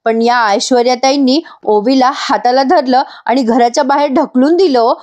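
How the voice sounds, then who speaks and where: A loyal male servant begs and worries aloud, as a woman narrator puts him on. The voice is pitched well up and pushes a little louder, anxious throughout. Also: moderate pace, natural voice. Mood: pleading. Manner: pleading, anxious.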